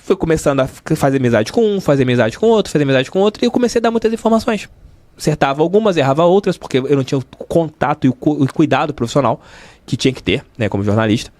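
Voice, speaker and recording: This Rio de Janeiro–accented Brazilian man, middle-aged and working as a sports journalist, speaks rapid-fire in a higher, expressive, slightly mellow voice. Sitting in a podcast studio as an interview guest, he spins casual, emphatic stories and keeps repeating phrases for emphasis.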